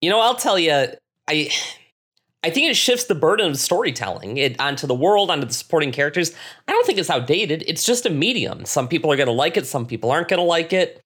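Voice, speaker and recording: Man, podcast co-host, lively swooping pitch, ranting, restarts a lot. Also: fast talker, husky. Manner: animated, ranting, frequent restarts. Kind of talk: casual podcast discussion.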